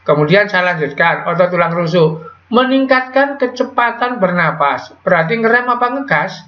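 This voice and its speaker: Male teacher, somewhat high voice, casual quizzing style, echoey lo-fi room. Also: animated, normal speed. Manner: quizzing students with call-and-response questions; casual, with Javanese slang words. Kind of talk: classroom biology lesson. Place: classroom. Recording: echoey, dull lo-fi classroom audio.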